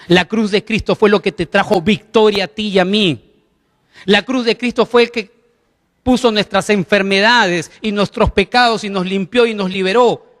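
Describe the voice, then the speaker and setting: A man's voice: high-pitched, fairly bright tone, in a large hall. A man preaching a sermon as pastor, emphatic, putting questions to the congregation.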